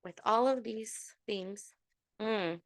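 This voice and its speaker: A woman's voice: mid-range voice, slow, no echo. A woman giving a casual monthly tarot reading to her followers, chatty and full of fillers, sprinkling in Spanish endearments. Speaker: tarot reader.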